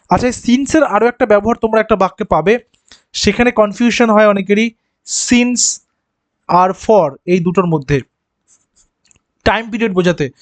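A man teaching an exam-prep grammar lesson, patiently explaining and posing questions to his students, then answering them himself. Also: sits high. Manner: reads example sentences slowly and deliberately.

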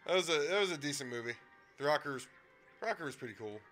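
A man's voice: a little high, lively intonation, quick pace, a bit bright. A young man watching a friend play, chatting and swearing about old movies, with game music behind. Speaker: let's play co-host. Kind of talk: casual gaming commentary.

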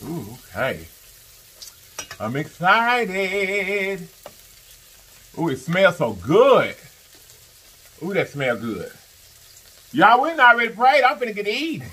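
A woman's voice: medium pitch, fairly bright tone, husky. A woman with chatting to viewers during a mukbang eating vlog, with lots of mm sounds between bites. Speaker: mukbang vlogger. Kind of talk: casual eating vlog chat.

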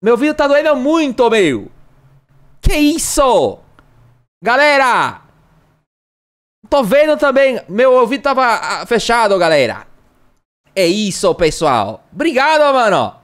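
A man with a Brazilian accent voicing an over-the-top, hyped-up young male streamer who shouts and half sings. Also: very high-pitched, sing-song, takes it slowly, pauses often, voice pushed up, exaggerated voice. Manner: loud, over-the-top hype, half sung.

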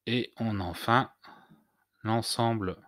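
A man hosting a screen-recorded software tutorial, explaining step by step with many hesitations and restarts. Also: fairly low pitch, slow pace, no room sound, clean studio sound. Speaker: tutorial host.

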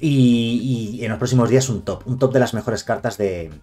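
A man's voice: medium pitch, mellow, soft background music. A man with a Spain Spanish accent giving a casual card deck guide, chatty and correcting himself as he speaks straight to his viewers. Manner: fast, chatty, self-correcting, addresses viewers directly. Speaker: card game content creator.

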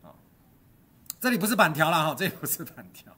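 A man's voice: on the high side, sing-song, quick pace, sharp tone, husky. A middle-aged man teaching a stagecraft class, quizzing his students, cracking jokes and dropping English terms into the lecture.

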